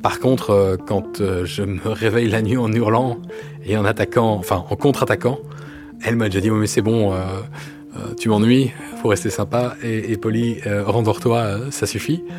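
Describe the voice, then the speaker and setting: A man, telling personal stories in an earnest, halting way with many fillers. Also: lowish voice, fairly even intonation, music in the background. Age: 40s. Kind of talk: casual testimony.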